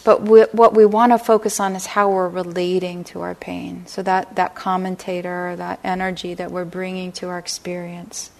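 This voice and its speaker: A middle-aged woman teaching a meditation class, speaking gently and unhurriedly and often checking in with her listeners. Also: on the low side, little pitch movement, gravelly. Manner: gentle, unhurried, lots of "right?" and "you know". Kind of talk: dharma talk to a class. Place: meditation hall.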